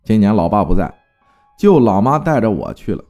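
Lively low-voiced man telling a spooky tale. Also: moderate pace, dull audio, faint music behind. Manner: lively, dramatic telling with big swings of pitch. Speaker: storyteller. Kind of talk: narrating a spooky folk tale.

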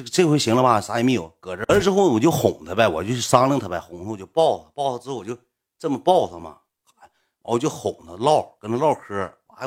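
A livestream host with a Northeastern Chinese accent casually tells a story to his viewers in a husky, mid-range voice. He's animated and colloquial, swinging from loud to hushed.

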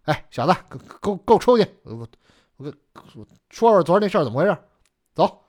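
A male storyteller voicing a quick-tempered elder brother and husband who talks gruffly, soothing his wife and scolding his sibling. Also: medium pitch, sing-song, darkish tone, no room sound.

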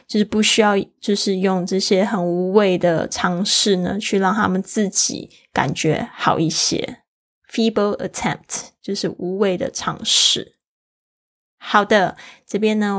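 A woman teaching English in a casual lesson, explaining patiently and spelling out words letter by letter. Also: medium pitch.

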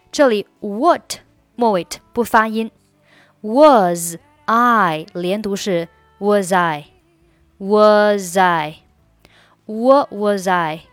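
A woman whose first language is Chinese leads a pronunciation lesson, drilling English phrases one by one. She speaks at a very slow, deliberate pace, repeating each line so listeners can follow. Her voice sits at a middle pitch, recorded dry and close, with faint music behind her. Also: clear, resonant tone, dry recording. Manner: slow, deliberate repetition of phrases for learners to copy.

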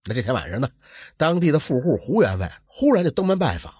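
Husky-voiced man telling a folk tale. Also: a little high, fast talker, no echo, studio quality. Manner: lively, colloquial storytelling. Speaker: storyteller.

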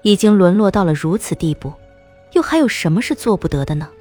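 A woman narrating a novel in the first person with expressive storytelling. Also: medium pitch, brisk, soft background music.

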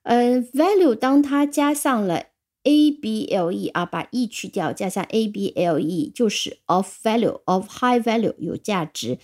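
A woman teaching English words in a recorded lesson, explaining patiently and spelling words slowly letter by letter on English. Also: a little high, animated, a little mellow.

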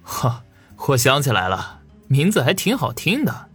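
A man's voice: medium pitch, huge pitch swings, measured pace, fairly bright tone, husky, faint music behind, heavily acted. A man voicing a crude, mischievous young burglar who swears and teases. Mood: teasing. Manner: coarse, swearing, teasing. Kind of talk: audiobook character voice.

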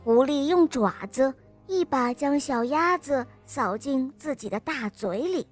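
A woman narrating a children's picture book, gentle and expressive, talking to young listeners. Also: sits high, measured pace, faint music behind. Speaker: children's storyteller. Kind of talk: storybook narration.

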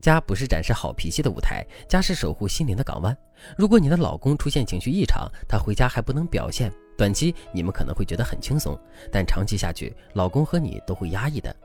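A man hosting a relationship advice podcast, telling a story in an animated, dramatic way, with faint music behind. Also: fairly low pitch, quick pace.

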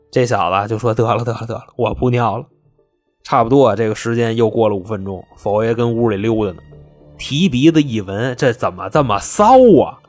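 A man telling a comic crime story in a chatty, punchy, colloquial way. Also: medium pitch.

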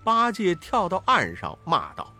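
Male storyteller for children, slow and lively in pitch, faint music underneath. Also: creaky. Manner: slow, expressive, dramatic storytelling.

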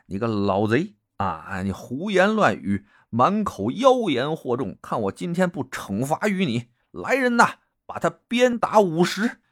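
A man's voice: a little high, very animated, a little slow, hardly any pauses, pitched above the performer's own voice. A man voicing a grandiose, imperious male god with a comic put-on accent in a storytelling podcast. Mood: scolding.

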